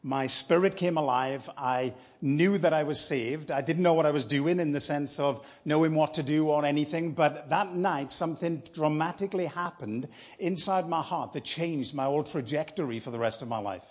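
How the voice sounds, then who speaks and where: Man, South Welsh accent, 50s, guest preacher, live church sermon, enthusiastic, higher voice. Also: moderate pace, few pauses. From South Wales. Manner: lively, enthusiastic storytelling. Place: church sanctuary.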